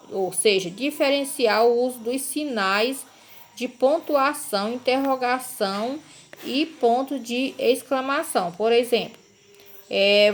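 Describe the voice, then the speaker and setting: A woman teacher, patiently explaining a lesson to children and often checking in with short tag questions. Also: on the high side. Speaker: primary school teacher. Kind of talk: recorded class lesson for children.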